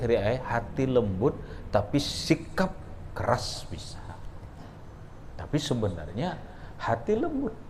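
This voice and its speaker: A man's voice: on the low side, a little mellow, a little hiss or hum. A man with a Banjar accent teaching a religious book class at an Islamic boarding school. He reads Arabic phrase by phrase, explains each in local dialect, and stops often to quiz his students. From South Kalimantan, Indonesia. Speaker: kiai teaching a kitab class. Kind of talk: traditional religious book lesson.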